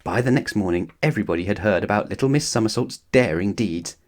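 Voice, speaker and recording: A man with a fairly low, slightly mellow voice talks fast as he reads a children's storybook aloud. His animated, expressive narration sounds as if he's speaking directly to young listeners.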